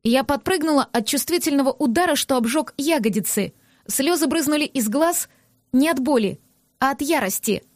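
Woman reading a lively audiobook. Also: sits high, moderate pace, no room sound, studio quality. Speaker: audiobook reader. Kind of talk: first-person audiobook narration.

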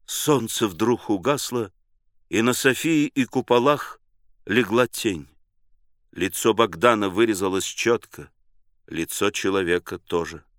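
A man narrating a novel with expressive, dramatic delivery. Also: lowish voice, measured pace, no echo, clean studio sound. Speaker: audiobook reader. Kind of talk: literary narration.

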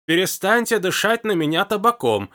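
A man voicing a rude, deaf old woman with a creaky, screeching voice in an audiobook. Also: sits low, huge pitch swings, fairly quick, fairly bright tone, pitched above the performer's own voice, full character voice. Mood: shrieking. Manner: screeching, haughty. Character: shrill, rude old woman, hard of hearing.

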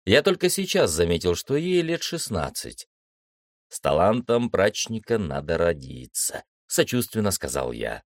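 A man reading a novel aloud as an audiobook narrator, expressive and shifting his tone for each character. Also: sits low, normal speed, no echo, studio quality.

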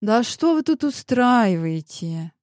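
A woman's voice: a little high, sing-song, slow pace, a little mellow, dry recording, clean studio sound, pitched above the performer's own voice. A woman voicing a brash secretary in her forties who talks bluntly and dismissively. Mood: exasperated. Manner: blunt, dismissive, matter-of-fact.

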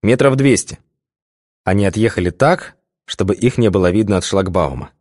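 A man narrating an audiobook in an expressive, varied reading. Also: deep voice, brisk, dry recording, clean studio sound. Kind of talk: scripted narration.

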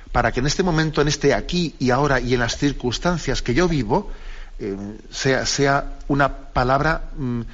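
A man's voice: medium pitch, a bit bright. A man, a priest, answering listeners on a live radio program, reflective and repeating phrases with little tags like "eh" and "no". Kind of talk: live call-in radio teaching. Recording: muffled lo-fi radio broadcast.

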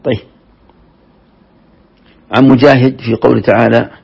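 A man teaching a measured classroom lesson on scripture commentary, explaining verses step by step with frequent restarts. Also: mid-range voice, fairly even intonation. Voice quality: gravelly. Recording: dull lo-fi lecture recording.

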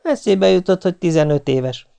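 A man's voice: high-pitched, expressive, vocal fry, warm tone, clean tone, voice pushed up. A man voicing a dry, unflappable mother. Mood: matter-of-fact. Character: calm unflappable mother, middle-aged woman writer.

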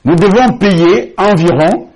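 A male pastor with a husky, slightly breathy voice pitched high for a man. He preaches in an emphatic storytelling way, driving points home by repeating key phrases, in what sounds like a large church hall. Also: slow pace, darkish tone. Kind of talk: sermon with testimony.

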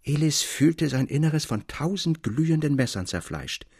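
A man's voice: a little high, lively intonation, moderate pace, a little mellow, breathy edge, dry recording, studio quality. Man reading a literary tale aloud. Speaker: reader.

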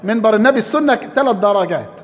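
An Egyptian man delivers a sermon in a strikingly high voice. He is emphatic, repeats his key phrases and drags them out for weight. His words ring out with a long reverb tail. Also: animated, racing, slight background noise. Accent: Egyptian Arabic. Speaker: preacher.

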